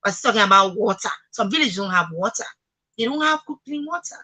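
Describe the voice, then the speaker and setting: A radio talk show host with a Nigerian accent leads a discussion, emphatically putting rhetorical questions to listeners. Her medium-pitched voice is expressive, bright, and forceful, and she speaks quickly.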